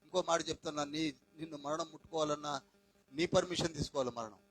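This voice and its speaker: A pastor with a fairly high voice preaches a fast Pentecostal sermon, firing questions at the congregation and swinging between shouts and quiet asides while dropping in English phrases. Music plays in the background, and the audio quality is poor.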